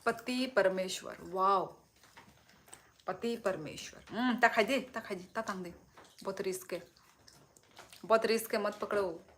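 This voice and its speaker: A young Kokborok-speaking woman from Tripura in northeast India eats and reads viewer comments on a phone livestream, playful and talkative. Her mid-range voice is steady and a bit bright, at a moderate pace with frequent pauses, over slight background noise.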